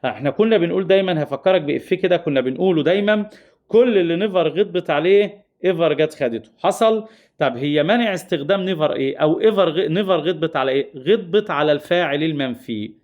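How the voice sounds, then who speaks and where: A man teaching English grammar to exam students in an Egyptian Arabic accent, with a fairly high voice. He talks to them fondly and repeats every key point. He slows down to stress the important words. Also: lo-fi sound. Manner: repetitive, addresses students as heroes and dears. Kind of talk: exam-prep grammar lesson.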